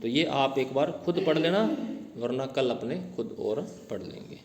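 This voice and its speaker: A man teaching a poem to his class, explaining each line in Hindi mixed with English terms and reading the verse slowly. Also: mid-range voice, animated. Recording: echoey room, long reverb.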